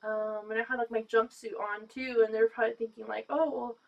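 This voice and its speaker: A woman's voice: a little high, little pitch movement, fairly quick, vocal fry. A woman vlogger chatting casually through a gas mask, rambling with lots of fillers and little laughs. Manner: chatty, many fillers, giggly. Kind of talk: casual rambling chat to camera. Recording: dull lo-fi sound.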